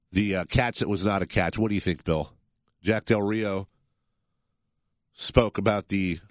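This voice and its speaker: Nasal sports radio host with a cold. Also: male voice, lowish voice, no echo, studio quality. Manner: opinionated, casual. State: has a cold.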